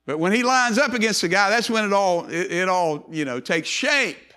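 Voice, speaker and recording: An older male pastor preaching to his church in a high, bright, ringing voice. He repeats key phrases and stretches out the words he stresses. His delivery is earnest and emphatic. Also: lively intonation, moderate pace. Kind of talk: sermon.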